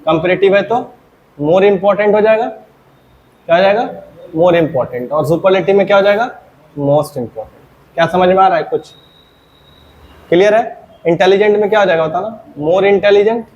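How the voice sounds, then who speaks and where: A fairly high-pitched man teaching English grammar, talking his class through a lesson. He keeps posing questions and answering them himself, dropping lower on each answer. A faint hum of ambient noise sits behind him. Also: a little fast, long pauses, a little mellow, muffled recording. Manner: often checks understanding.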